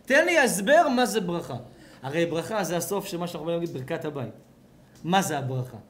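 A rabbi preaching at a home gathering, his high voice swooping up and down as he asks the listeners questions and acts out little scenes. He sometimes bursts into a shout. A faint room hum sits behind him. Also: expressive. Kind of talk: lively sermon at a house blessing.

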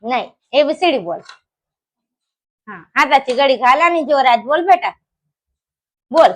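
A young woman from Maharashtra with a high voice chats casually while she cooks. She drops into soft, murmured asides to her viewers and lifts her tone to coax and scold her children. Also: expressive, measured pace. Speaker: vlogger and mother. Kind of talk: casual cooking vlog chat.

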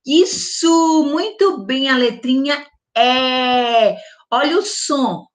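Slow, clearly enunciating woman teacher. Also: sits high. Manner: slow, drawn-out enunciation with diminutives and check-ins; stresses and stretches the vowel sounds loudly. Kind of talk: early-literacy vowel lesson for young children. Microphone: close mic, online class recording.

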